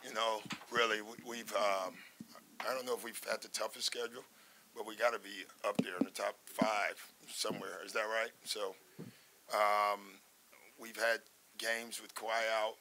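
An older man, a basketball head coach, answering reporters at a postgame press conference from a table microphone, measured and conversational with many fillers and restarts. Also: lowish voice, bright, forceful tone. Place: press room in front of a sponsor backdrop. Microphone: table microphone in front of him.

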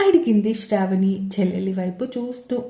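Mellow woman narrating a romance story. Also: medium pitch, moderate pace, reverberant.

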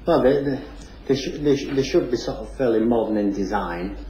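A man answering interview questions about staying warm after runs, stumbling and repeating words, heard through a low-quality stream. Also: a little fast. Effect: low-quality streamed audio, muffled and lo-fi. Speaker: runner in an interview. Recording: muffled lo-fi roomy recording, faint hiss.

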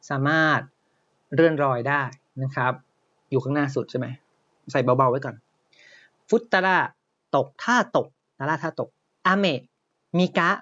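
A man's voice: fairly high pitch, a bit bright, lo-fi sound. A Thai man with a slight Isan accent teaching a Japanese lesson online, explaining step by step and often checking that listeners follow. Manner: explains step by step, often says "นะครับ" and asks "ใช่ไหม".

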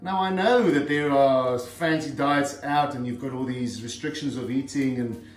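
Here a former heavyweight fighter, now middle-aged, talks at medium pitch and normal speed as he demonstrates a recipe in his own kitchen. His delivery is chatty and down-to-earth, peppered with fillers and lots of "okay." The far-off camera on the counter gives a spacious, distant room sound, and some music plays faintly.

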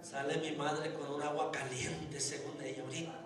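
Male pastor, storytelling sermon, swings from hush to shout, high voice, distant mic. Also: level tone, normal speed. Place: church sanctuary. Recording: echoey church hall, distant mic, music.

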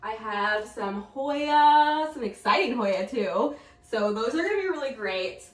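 A woman's voice: fairly high pitch, animated, unhurried. A young adult woman chatting casually to camera as a vlog host, recorded in an echoing bathroom. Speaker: vlogger, channel host. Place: small tiled bathroom, indoors. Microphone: camera a few feet away. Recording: echoey bathroom, distant mic.

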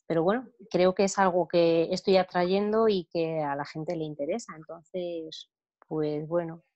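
A woman's voice: lowish voice, fairly even intonation, measured pace, lo-fi sound. A woman from Madrid with a Spain Spanish accent, sharing her thoughts on a video call in a hesitant, reflective way. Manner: hesitant, reflective, soft trailing ends. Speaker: participant.

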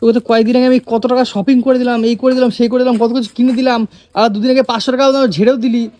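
A woman vlogger, scolding and questioning rapidly in a scripted family skit. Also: on the high side, little pitch movement, warm tone. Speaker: vlogger, older relative.

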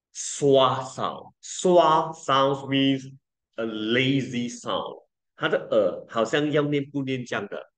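A man's voice: mid-range voice, fairly bright tone. A man teaching an English lesson in a playful way, switching between languages and repeating words for learners to copy.

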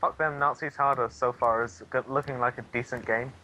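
A man's voice: mid-range voice, fairly even intonation, fairly quick, pushed and bright, a little hiss or hum, poor audio. A young man joking around as co-host of a casual gaming chat. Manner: joking, playful.

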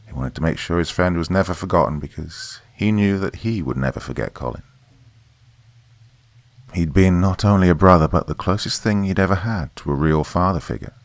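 A man narrating a horror story in a steady, measured reading voice. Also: deep voice, no echo.

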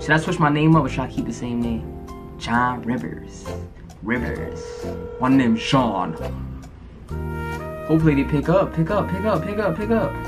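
A man's voice: a little high, normal speed, pauses often, over music. A young man speaking in a casual, slangy, informal way, as in a prank-call vlog recorded indoors. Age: young adult. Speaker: prank caller and vlogger. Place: indoor room at home.

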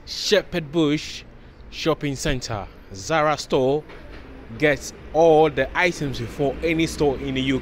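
A man's voice: on the high side, a little hiss or hum. A man in his forties chatting casually to viewers as he films a shopping vlog with a handheld camera. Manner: chatty, fillers, talks to viewers. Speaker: vlogger. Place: clothing store and busy street. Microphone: handheld camera at arm's length.

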